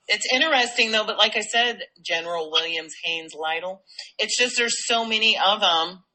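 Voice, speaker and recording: A woman's voice: on the low side, bright, forceful tone, low-quality recording. A middle-aged woman hosting a casual family chat, giggly and chatty. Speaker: host.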